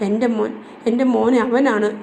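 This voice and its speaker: A woman's voice: on the high side, fairly even intonation, normal speed, creaky, dark tone, slight background noise, rough recording. A woman reading a storybook part as a grieving, angry older mother who speaks with bitter accusations. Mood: bitter accusing.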